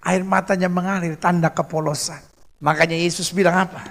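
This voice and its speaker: A man's voice: high-pitched, fairly even intonation, a little fast, vocal fry, a bit bright, in a large hall. A man preaching a sermon as pastor, emphatic, counting off his points and acting out the people he quotes.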